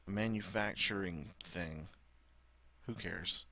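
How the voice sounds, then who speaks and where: Man, Southern US drawl, slightly low and forceful voice, casual sweary game host thinking out loud. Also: slow pace, no room sound. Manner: rambling, sweary, thinking aloud. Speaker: gaming video host. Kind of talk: casual gameplay commentary.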